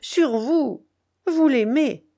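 A woman's voice: fairly high pitch, animated, takes it slowly, vocal fry, mellow, pitched above the performer's own voice, full character voice. Woman voicing a trembling young woman in a storybook. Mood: impassioned. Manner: trembling, urgent pleading. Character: frightened young woman, pleading and guilt-ridden.

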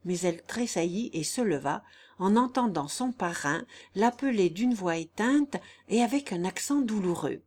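A woman reading a classic novel aloud as audiobook narrator, measured and expressive. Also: mid-range voice.

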